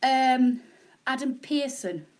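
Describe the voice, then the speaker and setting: A woman's voice: high voice, animated, takes it slowly, a little mellow. A middle-aged woman with a Northern English accent and a cold, hosting live home shopping in rambling, jokey, chatty patter. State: snotty with a cold, coughing. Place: small indoor room. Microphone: camera mic at a short distance, no proper mic.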